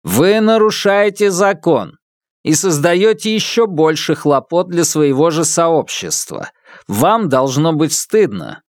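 A man reading an audiobook, voicing a stern male robot teacher with a metallic, lecturing voice, raised higher and louder than his narration. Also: expressive, takes it slowly, no room sound, clean studio sound.

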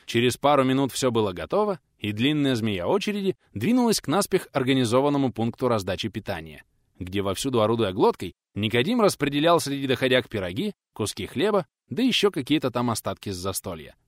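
Man narrating an audiobook, lively voice. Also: medium pitch, a little fast, dry recording, clean studio sound. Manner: voices characters with old-fashioned folksy speech and lisps. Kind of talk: audiobook narration with acted dialogue.

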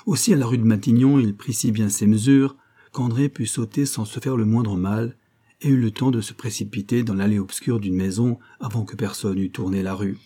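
A man narrating a classic novel as an audiobook, in a measured storytelling manner. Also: fairly low pitch, steady tone, mellow. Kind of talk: scripted literary narration.

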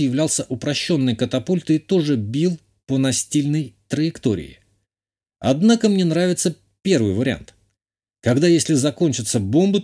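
A man reading a first-person audiobook in a measured, even way. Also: medium pitch. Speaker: audiobook narrator. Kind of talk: scripted first-person narration.

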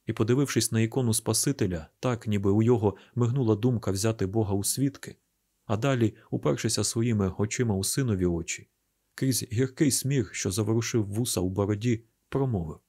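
A man narrating a literary audiobook in a measured, grave storytelling manner. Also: lowish voice, warm tone, husky.

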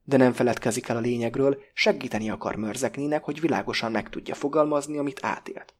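A man narrates a novel at an even, measured pace. His pitch sits in the middle range. The voice has a husky, slightly rough texture. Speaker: audiobook narrator. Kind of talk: literary audiobook narration.

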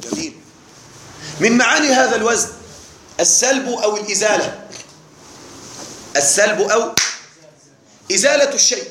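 A man's voice: high-pitched, lively intonation, normal speed, pauses often, fairly bright tone, roomy sound, a little hiss or hum. A man teaching an Arabic grammar lesson to a live class, explaining patiently, repeating key words and checking that the students are following.

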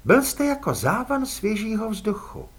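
A man's voice: high-pitched, sing-song, husky, pitched above the performer's own voice, full character voice. A man reading an audiobook and voicing an elegant, aristocratic female vampire who talks coolly and with poise. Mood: cool, poised. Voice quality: cool, poised, drawling. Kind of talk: audiobook character voice.

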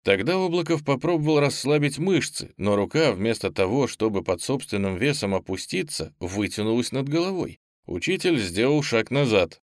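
A man narrating an audiobook in an even, measured way. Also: mid-range voice, no room sound, clean studio sound.

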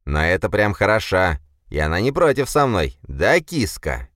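A man's voice: sits low, big pitch swings, normal speed, fairly bright tone, no room sound, clean studio sound. A man voicing a drunken, brutish young aristocrat who bellows and sneers, slurring his words. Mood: drunken taunting.

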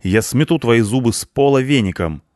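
A man voicing a gruff, snappish young female cleaner in an audiobook. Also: lowish voice, lively intonation, normal speed, darkish tone, no room sound, clean studio sound, natural voice. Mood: angry. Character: grumpy young female cleaner, sharp-tongued.

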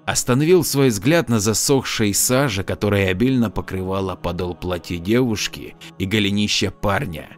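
Man narrating an audiobook, faint music. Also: lowish voice. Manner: even, measured storytelling. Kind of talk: scripted narration.

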